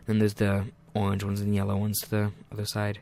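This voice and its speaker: Male gaming host, casual let's-play chatter, rambling, self-deprecating, low and gravelly delivery. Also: completely flat delivery, brisk, mellow. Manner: rambling and self-deprecating, often muttering asides.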